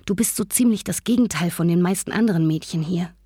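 A woman voicing a lively, secretive teenage girl who talks in an eager, confiding way. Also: on the low side, fast, slightly rough, dry recording, studio quality. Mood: earnest.

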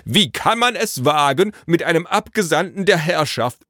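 Raised-voice pompous messenger done by a man, slow and formal, pinched, storybook. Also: medium pitch, animated, no echo, studio quality, pitched above the performer's own voice, lightly acted. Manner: stiff, formal, slow and declaiming. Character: pompous adult male royal messenger, easily flustered.

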